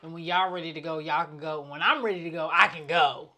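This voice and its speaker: A woman co-hosting a podcast in casual chat, speaking in a flat, nonchalant, one-tone way. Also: sits low, quick pace. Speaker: podcast co-host.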